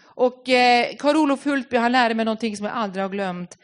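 A woman preaching a sermon, earnest and personal, often repeating words as she searches for the next phrase. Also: fairly high pitch.

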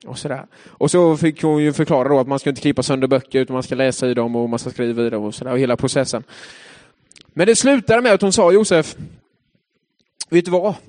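A young man giving a casual, chatty devotional talk, telling a personal story and pausing often with hesitation sounds. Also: medium pitch, a little mellow.

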